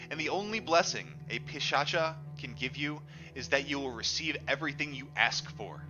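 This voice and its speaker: An audiobook reader delivers dramatic first-person narration, his mid-range voice sharp in tone. He is emphatic and theatrical, drawing out the words he stresses. The recording is dull and lo-fi, with music playing behind him.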